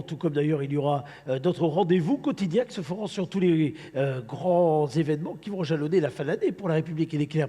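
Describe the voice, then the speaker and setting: Hoarse male host with a mellow, higher voice. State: hoarse with a head cold. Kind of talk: live morning show presenting and interviewing. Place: large studio set in a big hall. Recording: large hall with long reverb.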